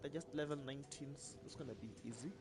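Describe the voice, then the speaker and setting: A streamer chatting casually while gaming, relaxed, with a slight stutter. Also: medium pitch, fast talker. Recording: loud music playing behind. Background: music.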